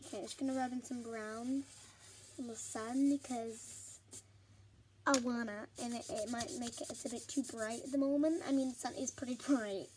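A woman's voice: fairly high pitch, fairly even intonation, normal speed, darkish tone, a little hiss or hum. A young woman chatting to herself in a rambling, giggly way as she works on a pastel drawing for her vlog. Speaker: vlogger. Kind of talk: chatty art vlog narration.

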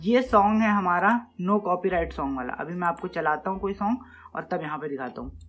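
A man's voice: high voice, lively intonation, normal speed, fairly bright tone, husky. Tech tutorial host, male, chatty and explanatory, checks in with the viewer a lot, faint music underneath. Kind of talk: casual step-by-step tutorial. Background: faint music playing from his phone.

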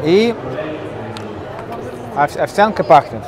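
A video blogger with a fairly high, sing-song voice takes his time interviewing exhibitors in a crowded indoor expo hall. He chats casually, cracks jokes, and uses hesitant fillers, with loud crowd noise behind him.

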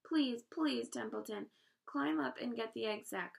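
A woman reading aloud, voicing a desperate young male pig who pleads in a high voice near tears. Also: a little slow, vocal fry, recorded from a distance. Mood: pleading.

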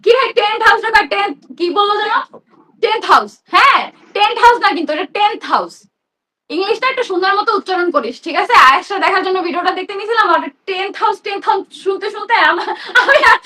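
A woman's voice: very high voice, bright, forceful tone. A young woman, hosting a live stream and ranting in a heated, sarcastic, confrontational way.

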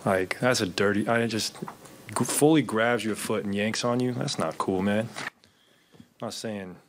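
There is background noise as a basketball player in his thirties takes questions at a postgame press conference in the arena press room. Talking into a desk microphone, he sounds measured and low-key and often uses fillers.

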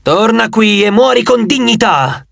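Man voicing a taunting giant rancher, audiobook, lively swings in pitch, dry sound. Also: a little slow, gravelly, no echo, heavily acted. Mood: jeering. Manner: taunting, shouting threats. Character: three-bodied giant rancher, brutal and mocking.

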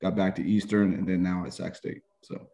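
Deep, flat-voiced coach from Hawaii. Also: male voice, brisk, gravelly. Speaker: college football coach. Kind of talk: self-introduction on a video call. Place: home room indoors. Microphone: video call webcam.

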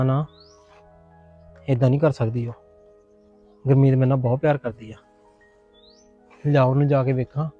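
A man's voice: mid-range voice, lightly acted. A young man playing a hot-tempered husband who frets aloud and then scolds his wife, in a family drama. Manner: muttering to himself, then exasperated scolding. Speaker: actor in a family web drama. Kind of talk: acted family drama dialogue. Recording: dull, muffled recording.

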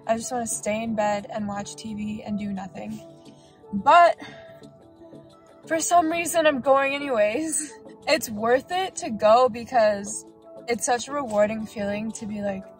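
A woman in her twenties, a fitness vlogger, talking in an earnest, relaxed way with plenty of "like" fillers. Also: a little high. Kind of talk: casual advice vlog. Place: bedroom, home studio and parked car.

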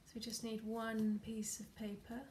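A woman leading a gentle guided meditation while folding paper, talking softly with many fillers and often dropping to a near whisper. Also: on the high side, monotone, normal speed, a little hiss or hum. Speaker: meditation leader. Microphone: computer or phone camera.

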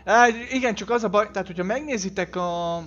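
A gamer with a high, fairly bright voice casually comments on his playthrough, thinking aloud, talking with viewers and swearing at his slip-ups. The audio has the highs cut off, with faint music behind.

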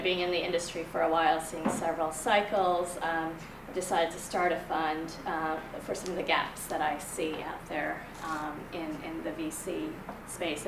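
A woman in her forties from Kenya, giving a conversational conference presentation with many ums and restarts. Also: deep voice. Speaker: venture investor giving a talk. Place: meeting room in front of a projector screen. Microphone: room mic from a distant camera. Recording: echoey room, far from the mic, audible room noise.

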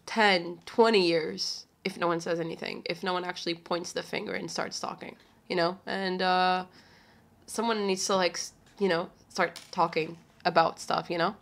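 A woman's voice: lowish voice, fairly bright tone. A woman hosting a live stream in a loose, chatty way. She rambles through her points with plenty of fillers and bursts of giggling. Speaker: podcast host. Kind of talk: casual live-stream chat.

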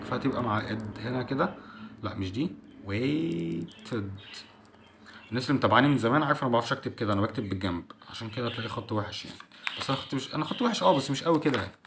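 A man with an Egyptian Arabic accent, teaching a school English lesson and drilling each word by repeating it slowly. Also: medium pitch, slight background noise.

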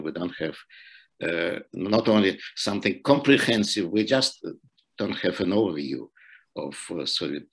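An older man from Ukraine with a Ukrainian accent, speaking haltingly on an online panel over a video call, with many fillers and repeats. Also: low-pitched, a bit bright. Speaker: panelist, scholar. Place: room at home. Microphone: laptop webcam, video call.

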